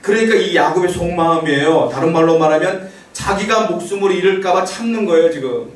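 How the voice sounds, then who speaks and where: Man, pastor, conversational sermon, rhetorical questions, slightly high voice, echoey church hall. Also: lively intonation, fairly quick, far from the mic. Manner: conversational preaching, rhetorical questions, acts out quotes.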